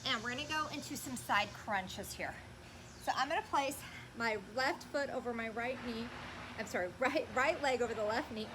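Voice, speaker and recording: A woman's voice: on the high side, normal speed. A woman fitness instructor talking through exercises step by step and counting in an encouraging way, recorded outdoors. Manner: encouraging, cueing moves step by step. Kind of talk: instructional workout coaching with counting. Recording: clearly noisy, loud cicadas outdoors. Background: loud buzzing cicadas.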